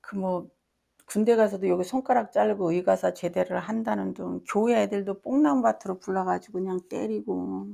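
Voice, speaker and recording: Korean woman pastor preaching, gravelly voice. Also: mid-range voice, steady tone, normal speed, mellow. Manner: emphatic, asks the congregation questions. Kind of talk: sermon with personal testimony.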